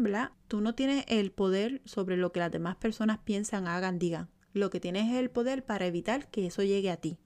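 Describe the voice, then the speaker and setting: A woman speaking in a calm, measured way, giving self-help advice straight to the listener and often checking in with a "right?". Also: medium pitch. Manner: calm, measured, addresses listener directly with frequent "¿verdad?". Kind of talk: motivational talk to camera.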